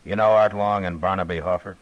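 An actor playing a calm, firm frontier marshal in a 1950s radio drama. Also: male voice, low-pitched, a little fast, dull audio, natural voice. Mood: stern. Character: steady, stern frontier marshal.

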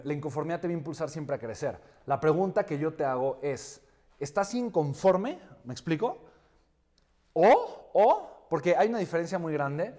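A man's voice: on the high side, a little mellow. A man giving a motivational talk, emphatic and repeating key words, often asking if he is understood. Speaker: motivational speaker.

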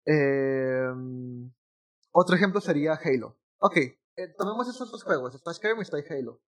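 Brief: young guy, slightly high voice, rambling gamer chat with slang. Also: normal speed. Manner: animated, rambling with restarts and slang. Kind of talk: casual gaming chat.

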